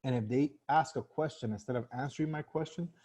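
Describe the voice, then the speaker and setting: A man's voice: medium pitch, fairly quick, dark tone, husky. A man teaching sales in a casual live-stream talk, conversational with many fillers and restarts. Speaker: sales trainer.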